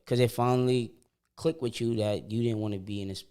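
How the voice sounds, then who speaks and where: Speaking a little fast with a medium pitch and clean tone, a young man in his 20s co-hosts a casual podcast. His storytelling is animated and slangy, with frequent restarts, repeated opening words, and acted-out quotes.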